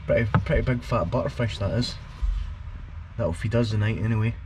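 A young man with a New Zealand accent, casually talking through cooking in his home kitchen, relaxed and chatty, repeating words as he explains. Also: lowish voice, a little fast. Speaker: vlogger. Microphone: action camera. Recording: noisy home video with background hum.

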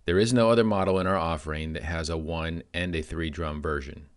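Male product trainer with a deep voice, reading a script with dry, deadpan humor. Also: fairly quick.

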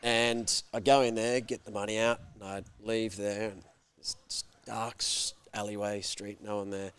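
A man's voice: on the low side, moderate pace, clean tone. A man telling a story casually, swearing freely and acting out the voices of people in it. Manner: animated, swears freely, acts out shouted quotes. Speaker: guest.

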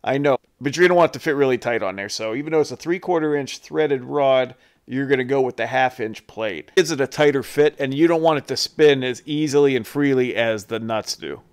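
Fairly quick and smooth, with few pauses, a mid-range male voice narrates a how-to voice-over for his own carving channel. The chainsaw carver talks through a do-it-yourself build step by step in a relaxed, folksy way.

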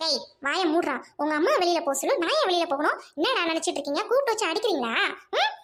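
A woman with a Trichy Tamil accent acting a shrill, nagging village mother-in-law in a comedy skit. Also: sing-song, racing, fairly bright tone, heavily acted. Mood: scolding.

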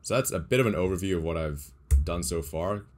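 A man's voice: sits low, brisk. A young man casually walking through his data science project on a screen share, explaining as he goes with small restarts. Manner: relaxed, explanatory, thinks aloud with small restarts. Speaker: data science tutorial creator.

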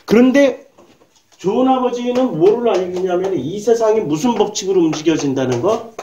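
Blunt woman preacher, animated and mellow. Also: medium pitch, normal speed, lo-fi sound, a little hiss or hum. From South Korea. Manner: blunt, emphatic preaching with rhetorical questions and coarse slang. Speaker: pastor. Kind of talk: sermon.

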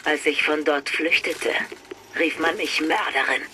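An actress voicing an embittered former kitchen maid turned fugitive, recounting her past gravely in a game audio diary. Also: low-pitched, fairly even intonation, measured pace, background noise. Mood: somber.

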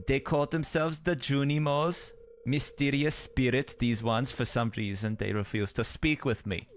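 A man voicing a grandiose old male wizard, with solemn, theatrical lines in a deliberately bad mock accent. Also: medium pitch, steady tone, pushed and bright, slight background noise. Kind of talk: reading game dialogue in a put-on voice.

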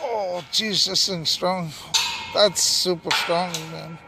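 A man chats informally as he films his nighttime magnet fishing outing from a bridge walkway. He speaks slowly in a high, steady voice touched with vocal fry. Captured on a handheld camera or phone, the sound is noisy and backed by outdoor hum.

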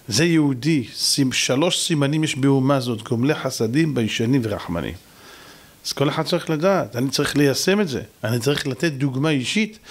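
A man, a rabbi, preaching a sermon in an emphatic style full of rhetorical questions. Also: medium pitch. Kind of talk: sermon to a congregation.

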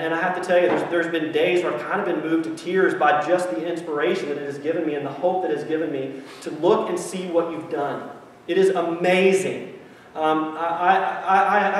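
A man's voice: a little high, a little hiss or hum. A middle-aged male pastor preaching a sermon, earnest and grateful, with many restarts and ums. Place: large church sanctuary. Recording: echoey sanctuary from a distance.

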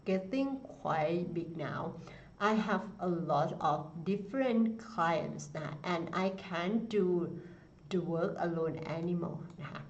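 Female teacher, unhurried, lowish voice, repeats lines for learners; muffled lo-fi audio. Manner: reads English slowly, repeats phrases, then explains. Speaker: English teacher. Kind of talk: slow bilingual English pronunciation lesson. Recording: dull lo-fi sound.

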